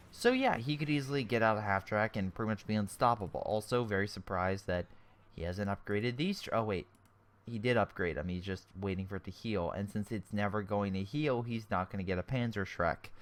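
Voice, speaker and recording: This is a lowish-voiced young man, throat sore, casually talking through a strategy game replay. His commentary is chatty and opinionated, with frequent mid-sentence self-corrections.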